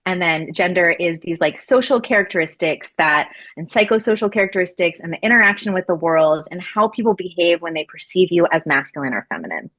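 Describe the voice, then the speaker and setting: Pitched fairly low, she sounds expressive and a bit bright, moving fairly quickly with few pauses. The speaker, a laboratory medicine researcher in her forties from Florida, USA, is a casual, chatty interview guest who laughs readily and often restarts or uses fillers.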